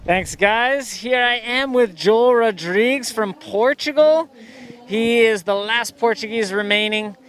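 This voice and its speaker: A man's voice: high voice, measured pace, fairly bright tone. A man working as an informal sideline reporter outdoors, interviewing an athlete and summarizing the answers. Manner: informal, switches languages. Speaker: beachside sports reporter and interviewer. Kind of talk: live post-heat interview, informal interpreting. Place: outdoors at a surf contest.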